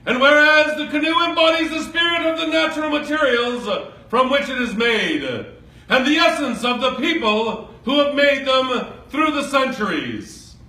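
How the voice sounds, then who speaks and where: A man declaiming a proclamation as a town crier, formal and ceremonial, projecting each phrase deliberately. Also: extremely high pitch, animated, sharp tone. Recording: echoey, picked up from a distance.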